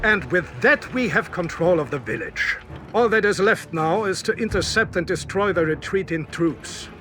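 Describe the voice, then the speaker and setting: An actor plays a confident, calculating German general directing desert warfare, delivering scripted video game briefings as a commanding officer in formal, authoritative, clipped commands. The male voice sits high, with lively intonation and a moderate pace, over a noisy background.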